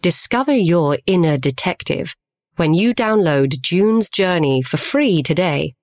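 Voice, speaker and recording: A woman's voice: fairly low pitch, lively intonation, unhurried, darkish tone, no echo. A woman hosting a podcast and reading a scripted sponsor message. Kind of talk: scripted ad read.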